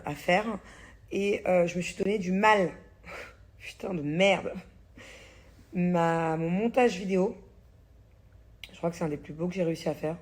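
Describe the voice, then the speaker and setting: Chatty woman in her thirties, low voice. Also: a little mellow. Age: 30s. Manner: chatty, blunt, swears casually, laughs often. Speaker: vlogger. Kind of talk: casual chat vlog.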